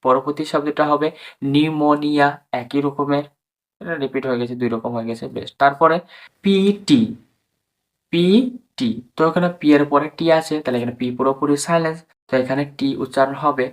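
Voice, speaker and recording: A man's voice: fairly high pitch, brisk. A man teaching English pronunciation to viewers. He spells words out letter by letter, drawing out each sound, and keeps urging the viewers as friends to understand. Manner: addresses viewers as friends and urges them to understand.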